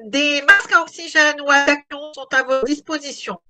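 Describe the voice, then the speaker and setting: A woman's voice: sits high, fairly even intonation, normal speed, bright, forceful tone. A woman playing an airline captain, giving a formal cabin announcement as if over the intercom. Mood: mock-solemn.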